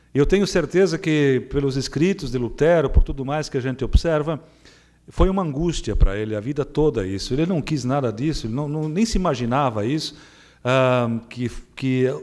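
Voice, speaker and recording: A man with a Brazilian Portuguese accent giving a formal speech at a ceremony in a city council chamber, often pausing on filler sounds and restarting phrases. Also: medium pitch, a little mellow. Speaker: guest speaker at a church anniversary ceremony.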